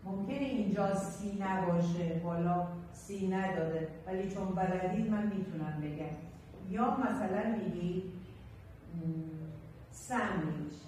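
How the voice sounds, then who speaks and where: A woman teaching an English class, spelling and repeating words slowly for her pupils. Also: on the low side, mellow. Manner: slow, spelled-out word drills with repetition. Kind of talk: classroom lesson explaining vocabulary. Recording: echoey, distant room mic with faint noise.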